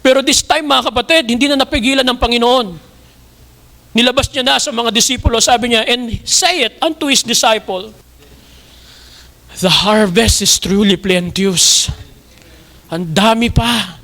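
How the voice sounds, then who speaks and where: A young Filipino pastor preaches with a very high, bright voice and a gravelly edge. He builds his sermon in rising, emphatic bursts and then drops back to a quieter tone. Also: normal speed.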